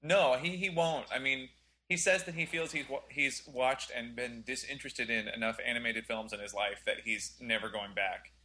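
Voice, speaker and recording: A man from Tennessee talking casually as a podcast guest, playful and quick with a joke. His voice is bright and forceful, sitting at an ordinary pitch for a man. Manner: playful, jokey storyteller. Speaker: podcast guest, film critic. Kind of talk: casual chat.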